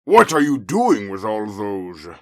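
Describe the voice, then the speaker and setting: A man voicing a scheming male big bad wolf, speaking slowly and slyly. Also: lowish voice, big pitch swings, a bit bright, dry recording, clean studio sound, full character voice.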